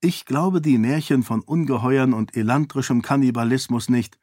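A man reads the part of a resolute young noblewoman in an audiobook, talking earnestly and persuasively in his natural voice. It's mid-range and slightly mellow at a normal speed, captured as a dry, studio-quality recording.

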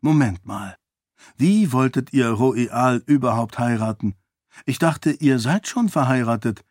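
A man's voice: medium pitch, measured pace, darkish tone, no echo, clean studio sound, lightly acted. A man reading a shrewd, clever man in an audiobook, speaking dryly and with probing questions.

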